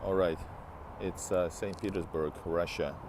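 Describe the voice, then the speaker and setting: Streaming outdoors on a city street next to a large building, a tired, low-voiced man from Latvia and Finland talks a little slowly with fairly even intonation. This travel vlogger uses a wired earbud headset, phone held at arm's length, and street noise comes through the mic. In casual chat with viewers he rambles, restarts often, and answers chat directly.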